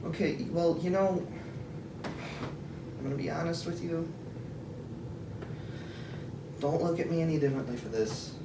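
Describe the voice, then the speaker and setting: A woman's voice: low-pitched, normal speed. A woman playing a rambling, indignant, eccentric elderly grandmother in a grandma voice, repeating herself in improvised comedy. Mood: defensive, confessional. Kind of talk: improvised comedy role-play. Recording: roomy, noisy, distant mic.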